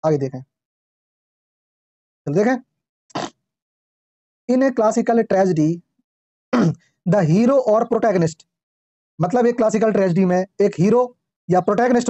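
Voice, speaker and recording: Mellow-voiced male teacher, lo-fi. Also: high-pitched, dry recording. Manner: reads English lines slowly, then explains in Hindi; quizzes the class with repeated questions. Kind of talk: classroom lecture. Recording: dull lo-fi classroom recording.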